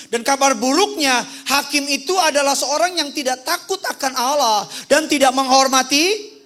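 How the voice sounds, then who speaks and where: A man's voice: very high-pitched, bright, forceful tone. A male pastor preaching an impassioned sermon with call-and-response and humor. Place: church service.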